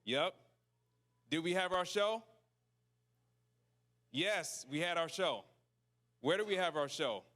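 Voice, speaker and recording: A man's voice: fairly high pitch, lively intonation, takes it slowly, pauses often, fairly bright tone. A man hosting a live event, speaking casually to the audience and often checking in with short questions. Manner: conversational, asks the audience questions, tags sentences with "right?". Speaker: event host.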